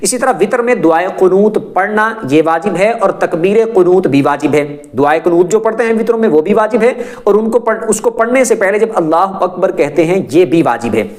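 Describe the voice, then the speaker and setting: Higher-voiced man teaching a religious lesson. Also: animated, few pauses, darkish tone. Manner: methodical, repeats points with frequent check-ins.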